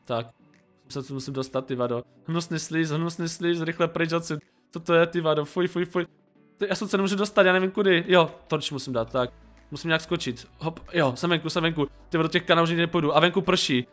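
A young Czech man commentating a Minecraft game, jumpy and quick to panic. His voice sits a little high and sounds bright and forceful, and faint music plays underneath. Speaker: gaming YouTuber. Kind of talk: Minecraft role-play and let's play.

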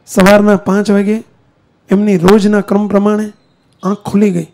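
A man delivers a sermon, pitched high with a gravelly edge to his voice. He speaks straight to his listeners, throwing them questions and challenges as he preaches. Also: flat delivery, moderate pace, darkish tone. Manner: addresses the congregation directly with questions and challenges. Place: temple hall.

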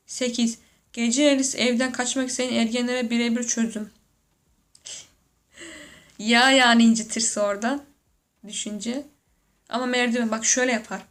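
A woman with a somewhat high voice talks through a reaction video in a loose, slangy way. She jokes and exclaims to herself between quieter musing remarks. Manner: joking, laughs often, exclaims loudly. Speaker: YouTuber reacting to photos. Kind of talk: casual reaction commentary.

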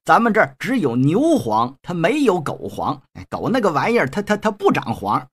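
A man's voice: a little high, huge pitch swings, moderate pace, breathy edge, heavily acted. A man voicing a timid, obsequious male apothecary who stammers nervously. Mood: flustered.

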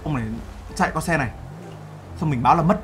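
A man's voice: on the high side, fast, over music, close to an everyday voice. A man role-playing a boastful overseas-company boss in a game, brash and teasing. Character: boastful male overseas-Vietnamese CEO. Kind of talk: game role-play banter.

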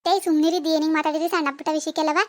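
A middle-aged mother soothes a quarrel in a rural Kannada village dialect, as a woman voices her for a cartoon. Her voice is high and she speaks fast. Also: flat delivery, lightly acted. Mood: placating. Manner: soothing, placating. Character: middle-aged mother who tries to make peace. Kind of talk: cartoon voice acting.

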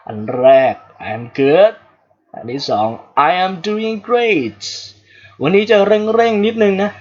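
A man's voice: high voice, sing-song, a little slow, a little mellow, muffled recording. A man from Thailand giving a casual livestream English lesson, joking asides to his viewers. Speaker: English teacher.

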